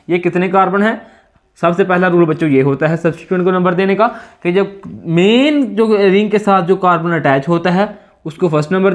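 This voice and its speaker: A man teaching chemistry in a classroom-style lecture with a sore throat, asking students questions and answering them himself in repeated call-and-response. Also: sits high.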